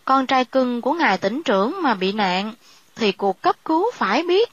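A woman narrates a story in a steady, measured manner. Her voice sits high, dry and close. The recording is slightly dull and lo-fi. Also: breathy edge, dry recording.

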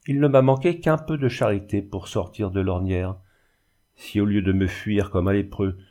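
A man reading the part of a sick, ruined glassmaker who moans and pities himself, in a low voice. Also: dark tone, natural voice. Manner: plaintive, moaning. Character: suffering, self-pitying ruined male glassmaker. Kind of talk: audiobook character reading.

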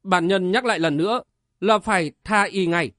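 A man's voice: high-pitched, normal speed, a bit bright, no echo, clean studio sound. A man voicing a grim young swordsman hero in an audiobook, talking coldly and threateningly. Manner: cold, threatening.

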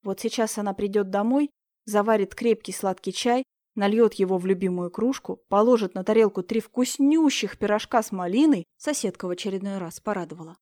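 A woman narrating an audiobook in an expressive, emotive reading style. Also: medium pitch, fairly quick, no echo, studio quality.

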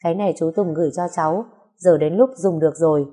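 A woman reading the part of a quiet young woman who speaks hesitantly and softly. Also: sits low, fast talker. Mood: pleading. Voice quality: hesitant, soft-spoken. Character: quiet young woman, timid but resolute.

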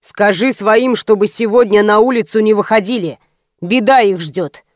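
A woman voicing a calm, odd elderly father who gives ominous warnings, in an audiobook. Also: medium pitch, moderate pace, no echo, clean studio sound, natural voice.

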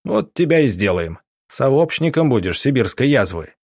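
A man voicing a gruff police chief who barks harsh, mocking threats at a prisoner. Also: mid-range voice, big pitch swings, normal speed, dry recording, clean studio sound, pitched above the performer's own voice. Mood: threatening. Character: gruff male police chief, menacing interrogator.

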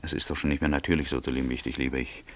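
A man playing a nervous, cautious young lover in a radio drama, often speaking in hushed whispers. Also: extremely low pitch, level tone, racing. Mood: earnest. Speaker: actor in a radio play. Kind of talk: German radio drama acting.

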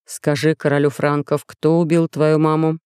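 A storyteller voicing a stern, commanding middle-aged sultan who speaks low, slow and severe, recorded dry and close. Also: male voice, completely flat delivery, darkish tone, clean tone, no echo, close to an everyday voice.

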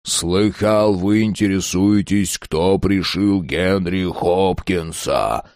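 A man voicing a crude, brutal ex-convict who talks in a gruff growl. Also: sits low, takes it slowly, darkish tone, dry recording, studio quality. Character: rough thuggish male ex-convict, crude and brutal.

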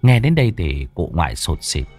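A man, narrating a ghost story in a dramatic, expressive way. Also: sits low, brisk, breathy edge, faint music behind.

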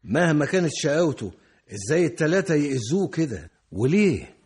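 An actor playing a firm police officer questioning a family, with an Egyptian accent, in a radio drama. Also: male voice, fairly high pitch, sing-song, brisk, darkish tone, breathy edge, exaggerated voice. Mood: stern. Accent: Egyptian Arabic. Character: police officer, stern and shocked interrogator.

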